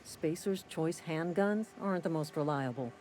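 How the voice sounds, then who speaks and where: A man voicing a gruff, cynical company-town clerk in video game dialogue, speaking curtly and sardonically. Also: on the high side, moderate pace, darkish tone, a little hiss or hum, natural voice, poor audio. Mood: curt, sardonic. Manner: curt, sardonic and impatient.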